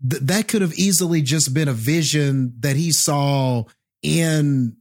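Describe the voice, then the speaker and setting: A man's voice: a little high, unhurried, a little mellow. A man co-hosting a casual movie review podcast who fires off questions and laughs often. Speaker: podcast co-host.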